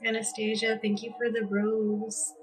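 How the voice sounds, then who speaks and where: A woman hosts a reiki healing live stream, talking to her viewers in a gentle, soothing, casual way. Her voice sits a bit high and comes from slightly off the microphone. Clear background music plays steadily under her words. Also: monotone, a little slow, far from the mic. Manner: soft-spoken, thanks viewers by name, gentle and soothing. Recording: music playing behind, voice a bit off-mic.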